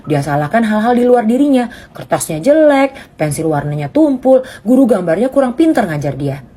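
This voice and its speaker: A woman talks through parenting advice in a casual, reassuring monologue. Her voice sits fairly low but moves through a wide, lively range of pitch, and faint noise hums behind her. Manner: expressive, acts out parents' remarks in quoted voices.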